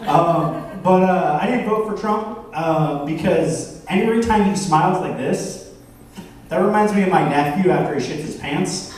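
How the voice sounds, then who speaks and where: Man in his thirties, stand-up comic, self-deprecating, halting with fillers, fairly high voice, very echoey bar, heard from afar, faint room noise. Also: a little mellow, recorded from a distance. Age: 30s. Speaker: stand-up comedian. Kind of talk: stand-up set. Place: bar stage.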